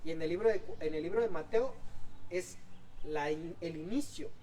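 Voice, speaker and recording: A man preaching a sermon as pastor, swinging between loud exhortation and soft asides. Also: fairly high pitch, normal speed. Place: outdoor church service. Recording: distant mic with faint background noise.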